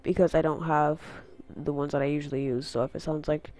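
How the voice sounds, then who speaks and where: A teenage boy who hosts a gaming channel rambles casually through a channel update, his nose stuffy and congested from a cold, speaking into a headset mic he isn't used to. His voice is fairly high and darkish, with a flat, brisk delivery and no echo. He wanders off on tangents and packs his talk with filler.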